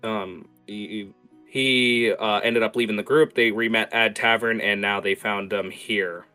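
A man working as game master, improvising narration for a tabletop game in a casual, halting way and prompting players. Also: on the low side, steady tone, pushed and bright. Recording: music playing behind.

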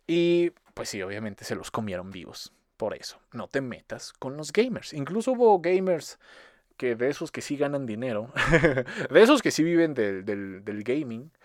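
A man's voice: medium pitch, very animated, normal speed, dry recording, studio quality. A young man with a Mexican accent ranting casually, profane and mocking, joking as he goes. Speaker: commentator. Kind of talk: casual rant.

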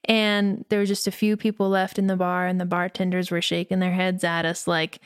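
A woman from New Mexico, a musician being interviewed, telling a story in a lively way and acting out the quotes. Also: on the low side, brisk, clean tone, no room sound, clean studio sound. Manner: lively, acts out quotes with voices. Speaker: musician guest.

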